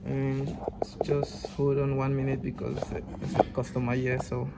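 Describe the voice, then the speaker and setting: A man with a Cameroonian accent, a repair technician talking calmly as he works, often restarting his sentences. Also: mid-range voice, unhurried, creaky, very noisy. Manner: calm, explaining as he works, with frequent restarts. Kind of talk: casual workshop vlog talk.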